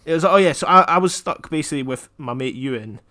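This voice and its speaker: A young man from Scotland in casual podcast chat, telling jokes in a flat deadpan way and wandering off on tangents. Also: fairly high pitch, quick pace. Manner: deadpan, rambling joke-telling. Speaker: podcast co-host.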